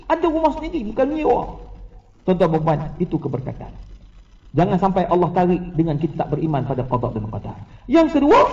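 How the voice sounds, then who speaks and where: A middle-aged man with a Malaysian Malay accent, a religious teacher on a forum panel, telling personal stories with humor and often addressing the audience directly. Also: extremely high pitch. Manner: lively storyteller who keeps addressing the audience as "tuan-tuan"; humorous, laughing between points. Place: prayer hall. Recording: echoey, dull prayer-hall recording.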